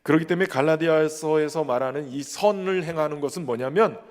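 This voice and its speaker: High-voiced earnest pastor preaching. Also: male voice, a little fast, in a large hall. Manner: earnest, emphatic preaching that often addresses the congregation directly. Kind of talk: sermon.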